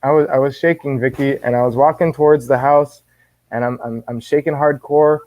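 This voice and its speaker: A man guest telling a personal faith story in an animated way, often restarting and repeating words. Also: mid-range voice, a little fast, dry recording. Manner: animated, acts out his own quoted words. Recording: dull dry lo-fi sound.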